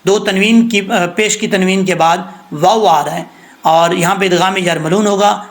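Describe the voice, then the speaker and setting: A man teaching Quran tajweed patiently, breaking into slow recitation of verses. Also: sits high, fairly even intonation. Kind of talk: recorded recitation lesson.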